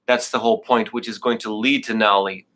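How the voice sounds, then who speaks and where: A man's voice: lowish voice, fairly even intonation, fairly quick, pushed and bright. A man teaching a live yoga class, talking students through breathing cues in a casual, joking way and a bit out of breath. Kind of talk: live online class instruction.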